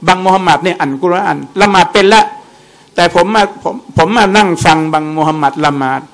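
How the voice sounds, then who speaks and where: A man's voice: high-pitched, fairly quick, fairly bright tone. A man giving a religious lecture, speaking conversationally, repeating his points and putting questions to the audience. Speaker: Islamic religious teacher.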